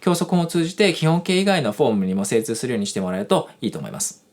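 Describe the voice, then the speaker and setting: Man, guitar teacher, quick and lively delivery, polite explainer, guitar playing behind. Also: mid-range voice. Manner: polite, explanatory, with casual fillers. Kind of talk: scripted lesson narration. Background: guitar music.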